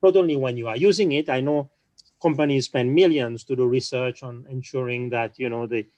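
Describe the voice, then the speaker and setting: A man speaking on a conference panel, explaining at a measured pace and often restarting his sentences. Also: medium pitch, fairly even intonation, darkish tone, dry recording, muffled recording. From small island nation.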